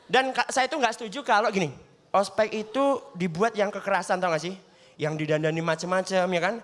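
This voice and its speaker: A man's voice: extremely high pitch, fairly bright tone. A young man doing a stand-up comedy set on a studio stage, chatty and always checking with the crowd. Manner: chatty, keeps asking the crowd for agreement. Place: studio stage with live audience.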